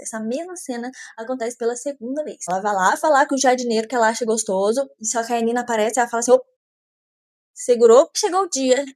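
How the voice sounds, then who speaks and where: Girl gossiping through a book plot, sarcastic side comments, high voice, dry close sound. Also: no echo. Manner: chatty with sarcastic asides. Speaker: book reviewer. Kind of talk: casual book recap.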